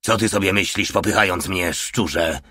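A man's voice: low-pitched, normal speed, bright, forceful tone, no room sound, clean studio sound. A man voicing a brutish, bullying male sergeant who barks threats, in an audiobook. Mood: threatening. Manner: barking, threatening.

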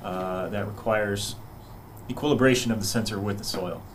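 A man on a webinar panel with a fairly low voice. He explains sensor behavior in a measured, technical way. Faint background noise sits under his voice.

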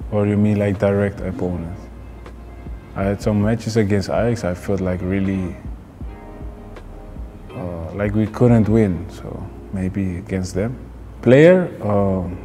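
A Dutch footballer in his twenties, speaking with a Dutch accent and a lowish voice, gives casual interview answers from an indoor hotel room. He sounds relaxed but hesitant, using many fillers.

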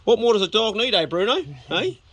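Recorded on a body-worn action camera, a middle-aged, New Zealand-accented homesteading vlogger explains his tasks casually outdoors on his rural homestead and in the bush. He's relaxed and practical, coaxing his dog with "good boy" and "mate," and his high voice runs a little fast.

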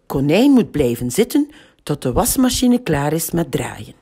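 A woman with a Flemish accent reading a picture book aloud to children, in a slow and expressive way. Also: deep voice, slightly rough. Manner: slow, lively, expressive storytelling. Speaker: library storyteller.

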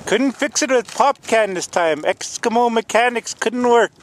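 A man giving casual running commentary while filming a hunting trip in snowy mountains, relaxed and plain, laughing now and then. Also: extremely high pitch, moderate pace. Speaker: videographer narrating a hunting trip. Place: outdoors in snowy mountains, windy. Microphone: handheld camera mic. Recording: wind noise on a camera mic.

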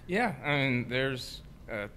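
A young man in his twenties chatting at a desk microphone in a newsroom, halting and searching for words with many ums. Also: mid-range voice, very animated, sharp tone, slight background noise. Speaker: features intern, guest. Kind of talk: casual newsroom chat. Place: newsroom studio.

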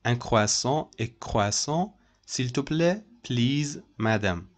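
A man's voice: mid-range voice, lively intonation, slow. A man teaching French over a screen recording, repeating each phrase and translating it. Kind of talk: screen-share language lesson.

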